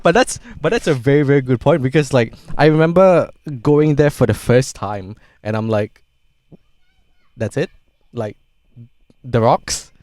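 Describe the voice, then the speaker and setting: A man's voice: medium pitch, normal speed, few pauses, a little mellow, dry recording. A man, hosting a casual podcast chat and rambling with lots of "like" and some swearing. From Singapore. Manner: rambling, swears freely, frequent "like". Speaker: podcast host.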